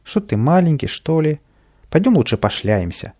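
A man's voice: on the high side, normal speed, voice pushed up. A man voicing a mischievous, bossy little sprite who eggs a boy on in a children's audiobook. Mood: coaxing. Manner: excited, coaxing, shouting orders. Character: mischievous impish male sprite, bossy troublemaker.

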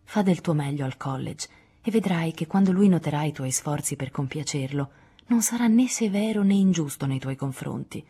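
A woman voicing a dutiful, motherly teenage girl gently urging a friend, in a storybook reading. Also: low voice, expressive, moderate pace, slightly rough, exaggerated voice. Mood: earnest. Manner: gentle, earnest.

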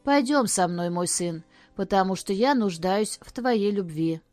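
A woman's voice: mid-range voice, lively intonation, measured pace, a little mellow, dry recording, soft background music, lightly acted. A woman voicing a grieving beggar mother who pleads tearfully in a storybook reading. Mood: pleading. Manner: pleading, sobbing.

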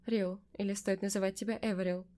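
A woman's voice: mid-range voice, level tone, a little fast, lightly acted. A woman reading an audiobook and voicing an earnest young nobleman who speaks sincerely and firmly. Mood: tender. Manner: gentle, sincere, sometimes sharp.

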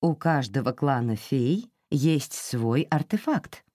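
A woman reading a storybook aloud and voicing a calm older fairy teacher who explains patiently. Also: extremely low pitch, takes it slowly, no room sound, studio quality, pitched below the performer's own voice, heavily acted. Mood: explaining.

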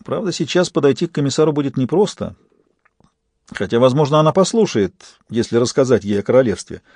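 Mellow male audiobook narrator. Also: medium pitch, expressive, brisk, dry recording, clean studio sound. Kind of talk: scripted narration.

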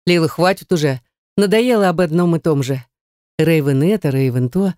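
A woman reading an audiobook, voicing a lively, bossy young female student friend who talks briskly and practically. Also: sits low, no echo, studio quality, natural voice. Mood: exasperated.

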